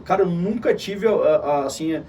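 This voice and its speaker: A middle-aged man with a southern Brazilian Gaúcho accent, telling an emotional personal story as an interview guest in an animated way. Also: sits high, moderate pace, distant mic, slight background noise. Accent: Gaúcho Brazilian Portuguese. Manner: animated, calls the listener "cara" often.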